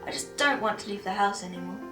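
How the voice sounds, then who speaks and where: A woman's voice: mid-range voice, fast, close to an everyday voice. A woman playing a fearful burglary victim giving a subdued, solemn infomercial testimonial. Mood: sad, fearful. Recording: echoey, distant mic, clear music.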